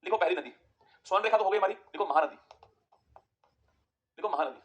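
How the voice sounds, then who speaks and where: High, fast-talking teacher. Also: male voice. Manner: quick, repetitive questions to students, then answers them himself. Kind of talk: online exam-prep geography lesson.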